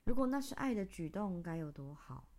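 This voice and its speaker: Low, warm-toned woman, dramatic stage reading, intense and halting. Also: sing-song. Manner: intense, halting delivery in short broken phrases; long breathless list, spoken low and soft.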